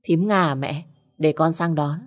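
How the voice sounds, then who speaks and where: A woman's voice: sits low, measured pace. A woman reader voicing an angry, jealous young husband who speaks in harsh, accusing bursts. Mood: insistent.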